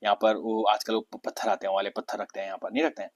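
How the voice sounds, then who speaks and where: A man's voice: on the low side, flat delivery, fast talker. Hindi-speaking man teaching vocabulary. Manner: questions and answers himself, repeats key words. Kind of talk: exam-prep vocabulary lesson.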